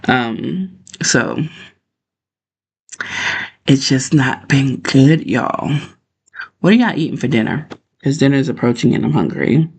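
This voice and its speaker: A man's voice: mid-range voice, expressive, slow, creaky, long pauses, slightly rough. A man chatting informally as a book livestream host, talking in a rambling, conversational way. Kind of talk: casual livestream chat.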